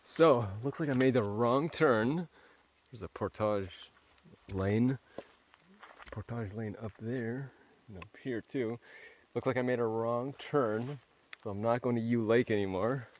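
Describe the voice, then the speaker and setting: A man's voice: medium pitch, measured pace, long pauses, slight background noise. Worn-out man rambling on a trail. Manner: rambling, swears freely, many fillers. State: tired and sore from hiking. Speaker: vlogger on a solo hike. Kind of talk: casual hiking vlog narration. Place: outdoors on a forest trail.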